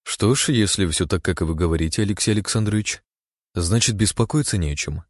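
Low-voiced guy doing a stiff formal prince, polite questions, storybook. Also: a little fast, dry recording, studio quality. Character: male prince official, formal and measured.

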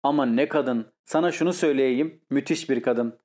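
A man's voice: mid-range voice, normal speed, darkish tone, close to an everyday voice. A man voicing a blustering, indignant older brother who scolds scornfully in an audiobook story. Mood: amused. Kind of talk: audiobook character reading.

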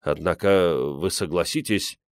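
A man's voice: deep voice, unhurried, smooth, no echo. Man doing a prim, fussy scientist. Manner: prim, reproachful, pedantic. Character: earnest, fussy male bear scientist.

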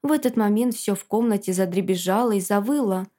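A woman's voice: medium pitch, a little fast, mellow. Woman narrating a fantasy audiobook.

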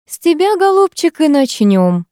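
A woman's voice: high-pitched, sing-song, a little slow, mellow, no echo, clean studio sound, voice pushed up. A woman voicing a weary male literature teacher who scolds his class with patient irony.

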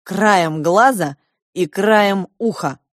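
A woman's voice: mid-range voice, slow pace, no echo, clean studio sound, close to an everyday voice. A woman playing a bold, boastful boy.

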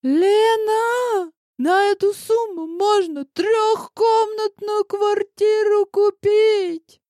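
A woman's voice: slow, a little mellow, no echo, clean studio sound. A woman narrator voicing a desperate young woman who cries and wails on the phone. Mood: shouting. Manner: high-pitched wailing, tearful. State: crying. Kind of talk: audiobook character voice.

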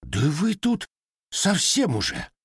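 Guy doing a snooty hotheaded police officer, snapping, high and pushy, dry sound. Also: huge pitch swings, slow, breathy edge, no echo, exaggerated voice. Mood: angry. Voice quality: snapping, scornful. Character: arrogant hot-tempered young male police lieutenant.

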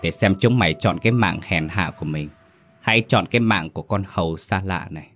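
A man's voice: deep voice, fairly quick, a bit bright, soft background music. A man voicing a cruel, scheming second wife of a landlord, giving cold and contemptuous orders in a storybook tale. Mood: menacing. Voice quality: cold, hissing threats. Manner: contemptuous, commanding.

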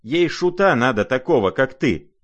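A man voicing an irate, imperious older noblewoman who scolds in shrill, impatient outbursts. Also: lively intonation, normal speed, dull audio, close to an everyday voice. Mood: scolding.

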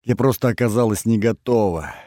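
A man's voice: lowish voice, brisk, warm tone, dry recording, clean studio sound, pitched above the performer's own voice, lightly acted. A man voicing a frightened, tearful young noblewoman who speaks pleading and sobbing, in an audiobook. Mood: tearful, upset.

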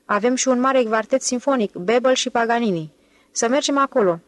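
A woman's voice: on the high side, no echo, close to an everyday voice. A woman reading the part of an eager young male museum director who boasts about his town's progress in an audiobook. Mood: surprised. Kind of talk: audiobook character voice.

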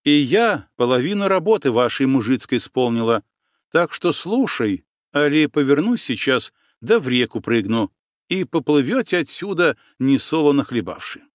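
A man's voice: medium pitch, big pitch swings, moderate pace, no echo, clean studio sound, pitched above the performer's own voice, natural voice. A man voicing a bold young female shaman in an audiobook, with a raised, firm, scolding voice. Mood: stern. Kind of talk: audiobook character voice.

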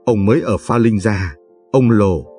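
A man voicing a sly, scheming male provincial official who talks in a smooth, mocking way. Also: fairly low pitch, a little slow, dark tone, faint music behind.

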